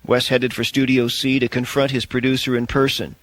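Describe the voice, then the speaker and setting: A man narrates an audiobook in a measured, expressive storytelling way. His pitch is medium, there's no echo, and the audio quality is poor.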